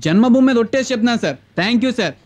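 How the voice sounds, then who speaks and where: A cheeky, fast-talking young reporter. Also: male voice, very high voice, lively intonation, a little mellow. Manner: quick, cheeky, defiant. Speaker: newspaper reporter.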